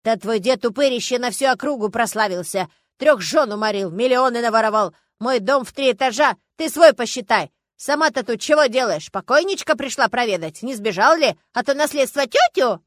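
A woman voicing a sly, sharp-tongued old village herbalist granny who mocks in folksy speech in an audiobook. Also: on the high side, fairly quick, no echo, studio quality, voice pushed up. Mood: mocking. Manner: snide, mocking, folksy. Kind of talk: audiobook character voice.

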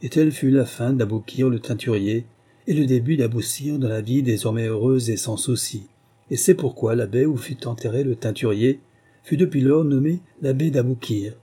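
Dark, husky male storyteller. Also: mid-range voice, normal speed. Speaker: audiobook narrator. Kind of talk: storybook narration.

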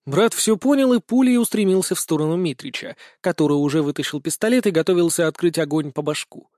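A man's voice: fairly high pitch, expressive, fast talker, a little mellow, no room sound. Man narrating an audiobook, dry sound. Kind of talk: scripted first-person narration.

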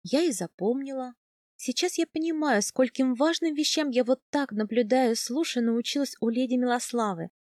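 A woman narrating a first-person audiobook in a calm, even storytelling manner. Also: sits high, normal speed, dry recording, clean studio sound.

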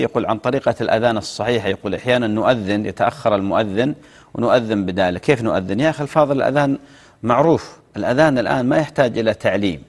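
A man, a television sheikh answering viewers' religious questions with measured explanations and chanted example phrases. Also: medium pitch, long reverb tail.

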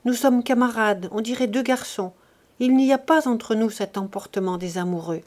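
A woman reading an audiobook, voicing a gentle, motherly young woman who coaxes her friend tenderly. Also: on the high side, normal speed, natural voice. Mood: coaxing. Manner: coaxing and tender.

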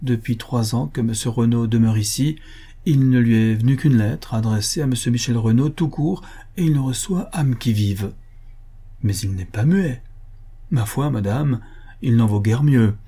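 A man's voice: medium pitch, normal speed, warm tone, husky. A man voicing a talkative male concierge who is deferential and emphatic, eager to reassure his listener.

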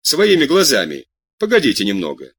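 A man voicing an eager, excitable young man who tells his news breathlessly and humbly. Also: mid-range voice, normal speed, breathy edge, full character voice.

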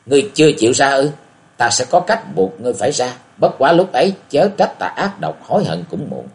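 A man's voice: mid-range voice, very animated, brisk. A man reading a martial-arts audiobook, voicing a stern young male swordsman hero who speaks coldly and commands. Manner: cold, commanding. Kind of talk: audiobook character voice.

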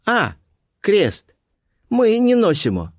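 A man's voice: huge pitch swings, takes it slowly, no echo, clean studio sound, full character voice. A man doing a strange teasing young woman. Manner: high, clipped, broken phrases.

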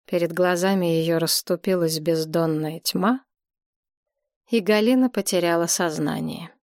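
A woman reading an audiobook as narrator, in steady, even storytelling. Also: fairly low pitch, unhurried, no room sound, studio quality. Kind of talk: scripted narration.

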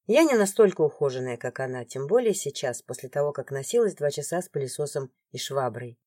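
A woman narrating a novel in the first person, emotional and expressive. Her pitch moves a lot through each line. The sound is close and dry with no room. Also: a little fast, no room sound. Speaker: audiobook narrator.

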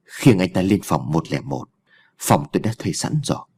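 A man's voice: sits low, lively intonation, normal speed, darkish tone, breathy edge, pitched below the performer's own voice. A man voicing a haughty, scheming young rich woman who mocks and bosses others in an audio story. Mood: taunting. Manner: mocking, domineering.

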